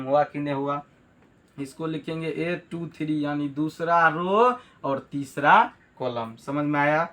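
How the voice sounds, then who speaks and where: In this math class, the male teacher's voice is on the high side, pushed and bright. He keeps repeating key terms and poses rhetorical check questions as he teaches the lesson.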